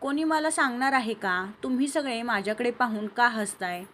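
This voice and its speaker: A woman's voice: fairly high pitch, moderate pace, fairly bright tone, slight background noise, close to an everyday voice. A woman voicing a confused, easily embarrassed young woman at the office. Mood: flustered. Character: flustered young woman, the heroine.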